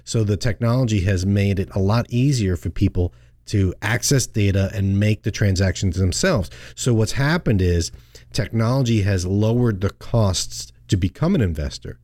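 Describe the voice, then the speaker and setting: A man's voice: on the low side, moderate pace, darkish tone, no echo, studio quality. A middle-aged man who is a financial advisor and host, chatting casually on a show with frequent restarts and laughs. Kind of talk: casual radio show chat.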